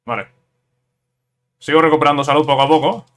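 A man from giving casual let's-play commentary on a fighting game, excitable, repeating words in quick bursts and ending phrases with "eh?". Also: fairly high pitch. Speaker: gameplay commentator.

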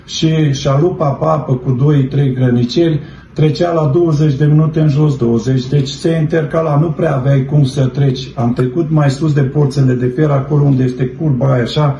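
A man's voice: on the high side, steady tone, mellow. A middle-aged man giving an earnest, fervent religious testimony, telling his story and calling his listeners brethren. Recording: roomy, dull, slightly noisy.

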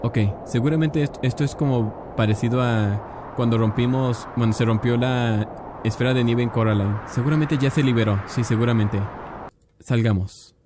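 A man casually commentating a game, chatty and excitable, talking to his viewers. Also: medium pitch, moderate pace, noisy background. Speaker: gaming youtuber. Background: game music.

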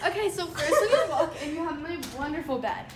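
High-voiced teen girl in echoey dorm. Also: lively intonation, brisk, loud music behind the voice. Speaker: roommate giving a dorm tour. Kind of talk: casual room tour. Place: dorm room. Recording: echoey room with noise.

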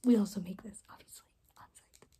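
A young woman in a whispered role-play as a caring rainbow fairy, speaking in a gentle, reassuring, breathy whisper. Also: mid-range voice, a little fast. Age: young adult. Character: caring, soft-spoken rainbow fairy guide. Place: small room indoors.

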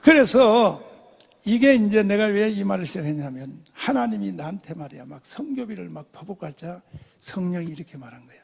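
An older man preaching a testimony sermon, emphatic and repetitive, dropping to murmurs and then rising to shouts. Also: high-pitched, lively intonation, a little fast, gravelly, slightly rough. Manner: emphatic, repeats phrases, swings between murmurs and shouts. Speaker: pastor.

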